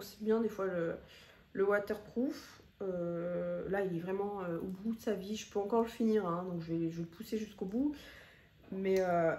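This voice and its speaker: A woman at a middle pitch talks loosely through her favourite cosmetics, filling pauses and doubling words as she gushes. She is recorded on a phone camera in an echoey room at home. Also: dark tone. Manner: chatty, repeats words for emphasis, many fillers. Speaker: beauty vlogger. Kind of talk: casual product review chat.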